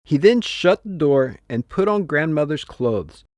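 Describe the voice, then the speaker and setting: A man reading a textbook story slowly and expressively as the audio narrator, in a dry, close studio recording. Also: fairly high pitch, big pitch swings, darkish tone, dry recording. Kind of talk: scripted narration.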